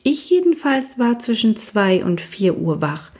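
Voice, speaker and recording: Eccentric, playful storybook teacher, breathy and hushed in places, read by a woman. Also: fairly high pitch, sing-song, a little slow, full character voice. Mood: mysterious. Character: quirky cheerful adult woman teacher from Scotland.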